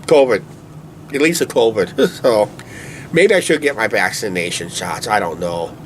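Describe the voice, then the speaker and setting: With lively intonation and a voice on the low side, a stuffy-nosed vlog co-host chats at a moderate pace to a camera on a tripod. He's drinking a beer outside near a shed at night, meandering with plenty of "uh, basically" fillers, and there's a slight hiss or hum.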